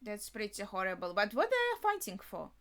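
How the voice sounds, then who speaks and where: A woman's voice: medium pitch, wildly swooping pitch, fairly quick, a bit bright. A woman hosting a reaction video, giving casual running commentary while she watches an episode and thinking aloud in short questions and asides.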